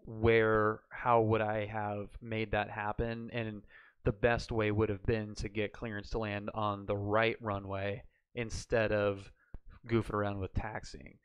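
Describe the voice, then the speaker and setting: A low, monotone male voice speaks unhurriedly; the tone is clean but the recording is muffled. He's a flight sim streamer learning radio procedures, chatting casually on a live stream and reasoning through hypothetical scenarios as he goes.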